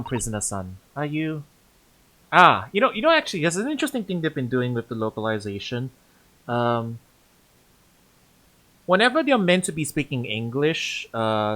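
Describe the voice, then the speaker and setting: A man's voice: mid-range voice, fairly bright tone. Chatty man streaming a game. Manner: chatty, thinks aloud, restarts sentences. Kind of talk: casual let's-play commentary.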